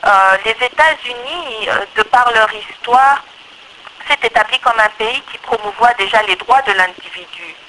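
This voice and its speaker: A Congolese woman in her thirties, an electrical engineer from the Democratic Republic of the Congo, speaks as an interview guest, laying out her views conversationally and repeating points for emphasis. Her voice is fairly high, bright and forceful, at a moderate pace, with a Congolese accent. The audio is poor, with a little hiss or hum.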